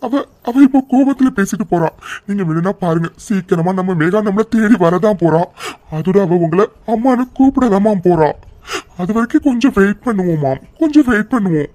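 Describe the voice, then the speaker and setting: A kind young man in a cartoon reassures and apologizes in a warm, mid-pitched voice, as a performer voices him. He sounds calm and soothing throughout. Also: a little fast, no room sound, natural voice. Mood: apologetic, soothing. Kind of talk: cartoon voice acting.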